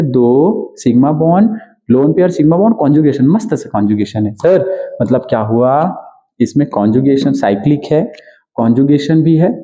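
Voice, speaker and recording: A man teaching a chemistry lecture. He asks questions and answers them himself, repeats key terms, and drags key words out slowly. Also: medium pitch, mellow, highs cut off. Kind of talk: exam-prep lecture.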